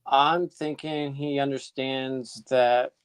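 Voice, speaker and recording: A man's voice: medium pitch, fairly even intonation, slow, clean tone, dry recording. A man co-hosting a casual reaction stream, thoughtful and trailing off with fillers. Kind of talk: casual chat.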